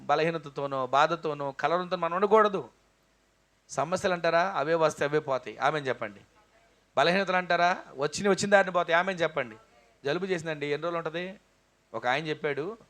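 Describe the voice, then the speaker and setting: A middle-aged male pastor preaching a sermon, exhorting his listeners and rising to loud, emphatic calls. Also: on the high side.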